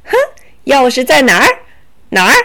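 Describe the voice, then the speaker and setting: A woman's voice: high voice, animated, normal speed, creaky, bright, forceful tone, exaggerated voice. Woman doing a gloating storybook bandit. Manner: mocking, stammering, bursts of laughter. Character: gloating bandit man, loud and scornful.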